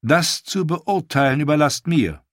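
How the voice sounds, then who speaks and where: A man reading an audiobook, voicing a proud young queen who speaks in a regal, measured way. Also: on the high side, expressive, no echo, clean studio sound, pitched above the performer's own voice. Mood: commanding.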